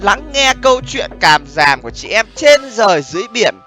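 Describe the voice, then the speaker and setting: Guy doing blunt sweary relationship talk to viewers, bright forceful voice, music behind him. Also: sits high, big pitch swings, normal speed. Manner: blunt, profane, often asks "understand?" and "right?". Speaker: online host giving relationship commentary. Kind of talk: casual monologue addressed to viewers.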